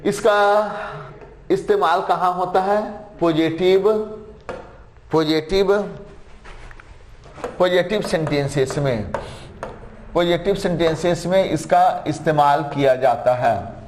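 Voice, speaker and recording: A man's voice: fairly high pitch, slow pace, pauses often, a little mellow, echoey room, a little hiss or hum. A man teaching a grammar lesson, repeating key phrases and examples and reading sentences out word by word. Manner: reads English sentences word by word.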